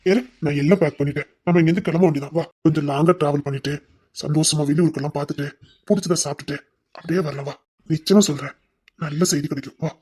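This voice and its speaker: A woman's voice: deep voice, dark tone, breathy edge. A woman playing a tender, pleading comforter with a Tirunelveli Tamil accent. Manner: soothing, pleading, repeats reassurances. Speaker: close companion consoling a grieving woman. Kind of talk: emotional web drama acting.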